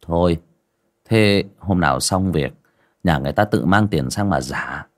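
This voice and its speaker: A man's voice: sits low, lively intonation, measured pace. A man voicing a curious, placid village bystander who asks questions plainly in an audio story. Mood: mild.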